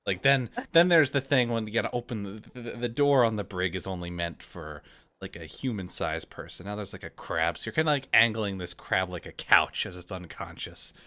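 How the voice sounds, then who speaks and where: A man's voice: on the low side, moderate pace, bright, forceful tone. A man improvising narration as game master of a tabletop game.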